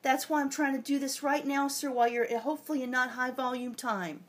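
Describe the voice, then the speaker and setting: A woman filming herself on a handheld phone outdoors in a parking lot, politely but persistently pressing for clear answers. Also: high-pitched, steady tone, fairly quick. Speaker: towing victim filming her ordeal. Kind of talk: handheld phone vlog and phone call. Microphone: phone camera held in hand.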